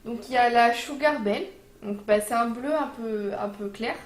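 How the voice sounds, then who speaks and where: Woman doing a laid-back makeup review, kinda high voice, lots of euh and slang, echoey room. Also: moderate pace. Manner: chatty, informal, frequent fillers and slang. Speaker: beauty vlogger.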